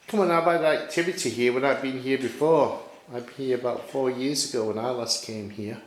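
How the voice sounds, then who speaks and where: Man, ghost hunt leader, halting speech full of fillers, mid-pitched, echoey room with faint hiss. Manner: hesitant, many fillers and restarts. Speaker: ghost hunting group leader. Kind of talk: casual chat while calling out to spirits. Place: large old room in a disused theatre, indoors.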